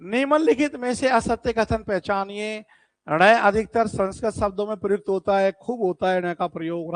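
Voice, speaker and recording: A man's voice: high-pitched, no echo. A man teaching an online exam-prep class, talking straight to his students and stretching words for emphasis. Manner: lively, addresses students directly, drawn-out emphasis.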